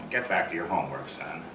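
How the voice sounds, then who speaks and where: A man's voice: sits low, recorded from a distance, background noise, heavily acted. A man playing a cheerful, proud turn-of-the-century father, folksy and boastful, heard from an old home VHS tape of a theme-park show. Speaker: animatronic show narrator. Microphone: camcorder in the audience. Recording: echoey show hall taped from afar. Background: loud show music.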